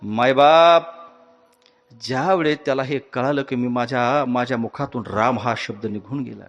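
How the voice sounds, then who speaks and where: A man preaching a devotional sermon and telling a story, swinging between loud exhortations and soft asides to his audience. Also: mid-range voice, normal speed, lo-fi sound, faint music behind.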